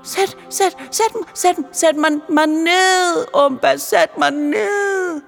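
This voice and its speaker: Shrieking panicked schoolboy. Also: female voice, very high voice, creaky, voice pushed up. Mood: terrified. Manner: screaming, stammering in panic. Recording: long reverb with music behind.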